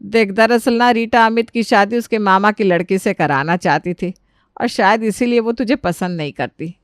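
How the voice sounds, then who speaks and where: A woman voicing a calm, wise older mother-in-law in a cartoon story, speaking in a lower, soothing, advising way. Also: normal speed, smooth, no room sound, studio quality, lightly acted.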